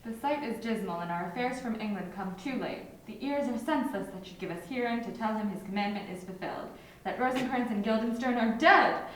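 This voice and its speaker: A sombre ambassador bearing grim news played by a woman in an amateur Shakespeare read-through. The voice is fairly high, far from the mic in a very echoey room. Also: a little fast, a little hiss or hum, lightly acted.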